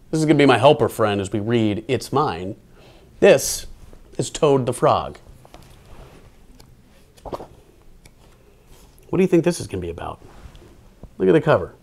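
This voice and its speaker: A man with a medium-pitched voice hosts children's storytime, reading a picture book aloud with playful, theatrical delivery and casual asides.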